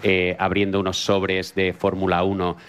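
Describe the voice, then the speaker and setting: A man's voice: sits low, completely flat delivery, moderate pace, a bit bright, clean tone. A man who is a marketing director, answering interview questions in an upbeat, promotional way.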